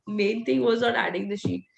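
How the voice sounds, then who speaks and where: Teaching VBA live online and taking questions, a woman trainer speaks in a slightly high voice with vocal fry, hoarse and almost gone. She keeps a direct, coaching manner and laughs frequently.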